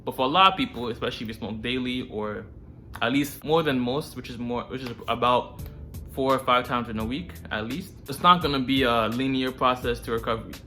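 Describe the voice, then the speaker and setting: A man's voice: medium pitch, fairly quick, sharp tone, faint music behind. A man hosting a self-improvement series, talking straight to the viewer in a casual, slangy, informal way. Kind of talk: casual direct-to-viewer advice talk.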